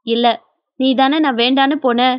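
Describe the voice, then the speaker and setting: A woman's voice: sits high, moderate pace, no echo, muffled recording, close to an everyday voice. Woman voicing a cold, curt young husband. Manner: flat, curt and unyielding. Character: cold, bitter young husband, newly blinded.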